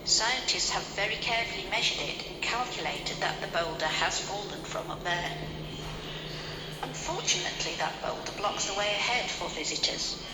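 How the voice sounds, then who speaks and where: A woman giving a calm, scripted audio tour narration, played over a speaker and echoing through a cave. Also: medium pitch, normal speed. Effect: recorded guide played over a speaker, echoing through a cave. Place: underground cave. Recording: echoey cave with background noise.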